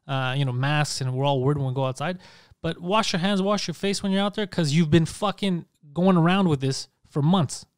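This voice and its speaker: A man hosting a casual comedy podcast, talking fast and teasing his guests with profanity. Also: fairly high pitch, smooth, no room sound, studio quality. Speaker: podcast host.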